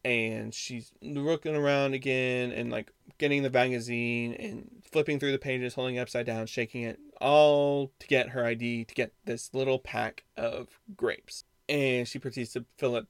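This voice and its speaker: A male podcast host tells a story in a loose, rambling way, restarting sentences as he goes. His voice sits in a middle pitch. The recording is dry, with no room sound. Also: steady tone, normal speed, hardly any pauses, clean tone, no room sound. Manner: rambling, frequent restarts and self-corrections. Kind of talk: casual storytelling monologue.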